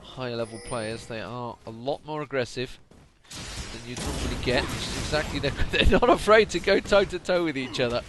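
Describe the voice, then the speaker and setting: A man's mid-range voice moves at a moderate pace as he, tired and chatty, rambles through late-night solo play-by-play of a video game. The esports commentator frequently corrects himself, and steady noise lies under the recording.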